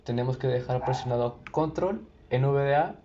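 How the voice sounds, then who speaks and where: A man giving a calm, step-by-step tutorial on changing screen-reader voice settings. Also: medium pitch, moderate pace. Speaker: tutorial presenter. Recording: lo-fi with faint noise.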